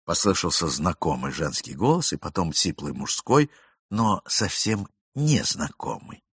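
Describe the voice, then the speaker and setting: A man narrating a classic story in a measured, lowered voice. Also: sing-song, fairly bright tone, slightly rough, no echo, studio quality. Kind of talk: storybook reading.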